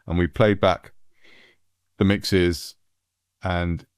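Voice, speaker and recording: A middle-aged man from England, a music producer, telling anecdotes in a relaxed, animated way with frequent laughs. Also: low-pitched, extremely slow, smooth, dry recording, studio quality. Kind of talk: relaxed storytelling.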